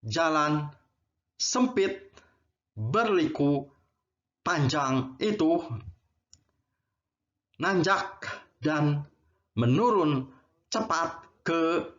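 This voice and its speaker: A man's voice: fairly high pitch, expressive, drawn-out words, long pauses, fairly bright tone, highs cut off. A man teaching an English vocabulary lesson. He reads word pairs, drills them and explains in a patient, chatty way. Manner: repeats words and explains, adds "ya" to phrases.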